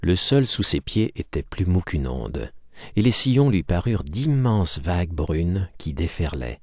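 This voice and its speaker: A man narrating a classic novel as an audiobook, with expressive, measured storytelling. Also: sits low, no room sound, studio quality. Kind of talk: scripted narration.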